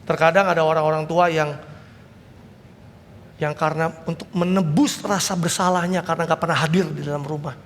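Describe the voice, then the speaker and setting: An Indonesian pastor with a brisk voice on the high side preaches a sermon full of family stories, animatedly acting out the voices of his children and parents. The recording has the reverberation of a church hall along with some faint noise.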